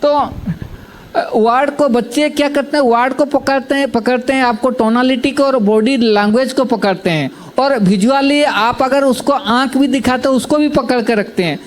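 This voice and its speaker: A man's voice: very high-pitched, normal speed, slight background noise. A man giving a self-help talk, repeating points and often checking that listeners understand. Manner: repetitive, asks "samajh mein aaya?" to check understanding. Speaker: healing teacher.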